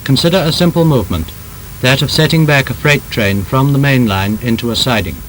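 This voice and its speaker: A vintage instructional film is voiced by a British man whose mid-range tone is deliberate and formal. He reads emphatically from a script in the manner of the 1930s, while a faint rumbling noise runs under the rough recording.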